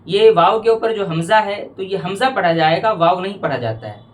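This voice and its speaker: A man teaching Quran pronunciation, explaining the rules and reciting each verse slowly and drawn out. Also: sits high, expressive, a little hiss or hum. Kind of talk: tajweed lesson with slow recitation.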